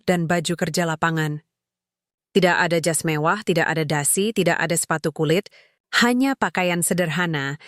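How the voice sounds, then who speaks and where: A woman reads a first-person story in a calm, measured way. Her voice sits a little low. The recording is dry and close. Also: dry recording.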